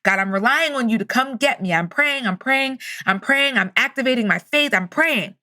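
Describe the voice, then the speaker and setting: A man's voice: very high voice, animated, moderate pace, bright, forceful tone, dry recording, clean studio sound, voice pushed up, full character voice. A woman voicing a stubborn man stranded on a flooded roof, insistently refusing help in a raised voice. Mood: pleading.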